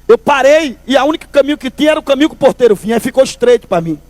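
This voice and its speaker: A man giving a preached personal testimony to a church congregation, telling his story with lively storytelling and calling the listeners "brother". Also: extremely high pitch, very fast, dry recording.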